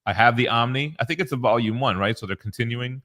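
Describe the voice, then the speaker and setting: A man in his thirties co-hosting a live stream, casually chatting and reading viewer comments aloud in a relaxed, joking way. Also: medium pitch, quick pace. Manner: reads chat comments aloud, laid-back and joking. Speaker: co-host.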